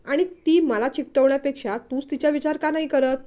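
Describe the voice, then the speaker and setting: A woman reading the part of a shameless young man who mocks and brushes off blame. The voice is high and light, with an insolent edge. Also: moderate pace, mellow, close to an everyday voice. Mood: mocking.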